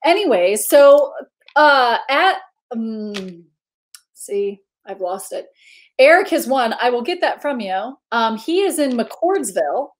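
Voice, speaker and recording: A woman's voice: on the high side, big pitch swings, slow pace. A woman hosting a casual live-stream chat, bubbly and giggly, rambling with lots of fillers. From Indiana, US. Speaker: host.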